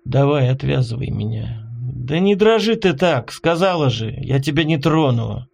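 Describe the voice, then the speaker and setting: A man voicing a calm, sly female contract killer who mocks her captive. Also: mid-range voice, normal speed, gravelly.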